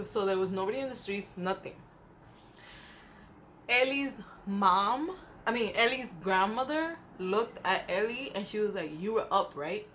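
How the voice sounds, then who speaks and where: A woman's voice: medium pitch, expressive, measured pace, fairly bright tone. Woman telling spooky stories over background noise. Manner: chatty, slangy, acts out quoted dialogue. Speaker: storyteller. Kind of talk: casual spooky storytelling.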